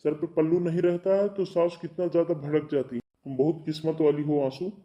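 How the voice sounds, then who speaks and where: A man's voice: fairly high pitch, fairly even intonation, a little fast, warm tone, muffled recording, lightly acted. A man voicing a young married son in a cartoon, who lectures his wife sternly about respecting his mother. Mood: lecturing. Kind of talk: cartoon voice acting.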